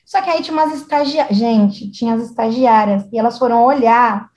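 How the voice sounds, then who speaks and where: Uma jovem mulher com sotaque brasileiro contando uma história de forma animada, imitando as vozes das pessoas da história. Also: female voice, on the high side, moderate pace. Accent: Brazilian Portuguese. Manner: animated, acts out quoted voices. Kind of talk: casual storytelling chat. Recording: echoey room.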